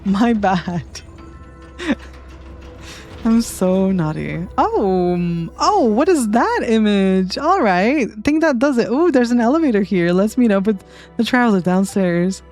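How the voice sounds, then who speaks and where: A woman streaming a game playthrough, reacting excitedly, giggling and talking to her viewers. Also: medium pitch, measured pace, soft background music.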